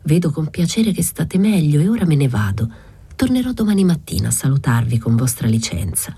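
A woman voicing a pale, fat friar, anxious and pious, speaking in a hushed, partly whispered voice. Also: sits low, very animated, brisk, breathy edge, exaggerated voice.

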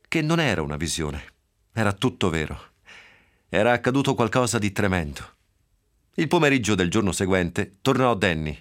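Rich: A man with a very low, deep voice reads a novel aloud for radio. His narration is measured and steady, delivered close to a studio microphone. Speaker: reader. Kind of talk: literary reading on radio.

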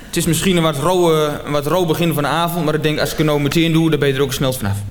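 A man with a high voice performs a mock-confessional comedy monologue, climbing into excited shouting as the tale runs away with him. The old recording sounds roomy and carries clear background noise. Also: fast.

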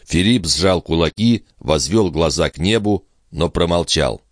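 A man narrating a novel as an audiobook in a measured, even storytelling manner. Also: deep voice, dry recording, studio quality. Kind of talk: scripted narration.

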